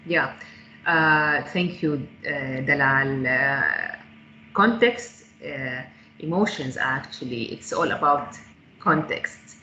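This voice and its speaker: A woman's voice: very deep voice, takes it slowly, bright, forceful tone. A woman founder answering audience questions on an online panel, hesitant and full of fillers and restarts. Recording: echoey, dull call audio with faint noise.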